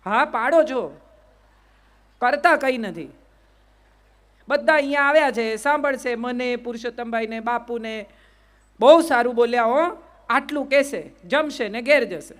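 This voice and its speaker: A woman's voice: a little high, expressive, measured pace, a bit bright. A middle-aged woman with a Gujarati accent gives a motivational speech to a live audience. She keeps asking the crowd rhetorical questions and repeats "yes or no". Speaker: public speaker.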